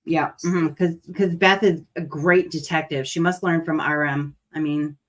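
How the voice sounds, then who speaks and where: A woman's voice: sits low, steady tone, normal speed. A woman in casual chat, speaking playfully and teasing.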